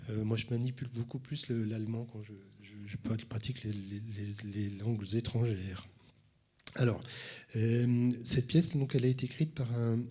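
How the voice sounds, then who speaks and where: Man, husky voice, halting speech, concert introduction, teacher presenting a piece. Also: lowish voice, steady tone, darkish tone. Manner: hesitant, many restarts. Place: concert hall at a conservatory.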